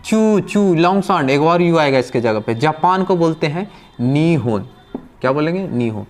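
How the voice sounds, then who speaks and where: A language teacher with a fairly high, expressive voice leads a classroom-style lesson for beginners. He patiently explains one step at a time, drilling by repeatedly asking a question, pausing, and answering it himself.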